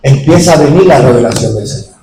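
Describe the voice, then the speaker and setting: A middle-aged man preaching a sermon in a church, moving between quiet talk and shouting. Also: medium pitch, expressive, quick pace, echoey room, far from the mic, a little hiss or hum, low-quality recording. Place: church hall.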